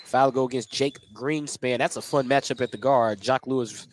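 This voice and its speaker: Here the radio announcer sits courtside at an indoor basketball gym, calling the action live at a normal speed in a mid-range voice with fairly even intonation. He often chuckles between plays, and the noisy recording carries game sounds and a bouncing ball.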